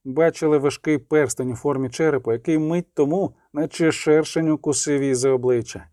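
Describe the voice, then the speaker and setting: A man narrating an audiobook in a measured, even storytelling manner. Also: fairly high pitch, no room sound, studio quality. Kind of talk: scripted narration.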